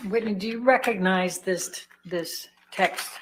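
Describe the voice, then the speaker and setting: A woman attorney examining a witness, heard on a courtroom recording, asking brisk, procedural questions. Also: medium pitch, low-quality recording. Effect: courtroom recording played in a livestream. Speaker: trial attorney. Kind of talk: direct examination. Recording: courtroom recording with faint noise.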